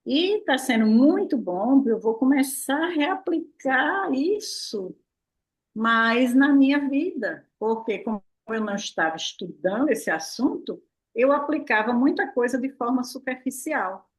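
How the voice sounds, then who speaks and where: A woman's voice: high-pitched, a little slow. An older woman speaking as a therapist, in a casual, playful talk, often asking herself questions. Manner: lively, playful, full of "né?" and rhetorical "o quê?". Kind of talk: casual explanatory talk to a live online audience.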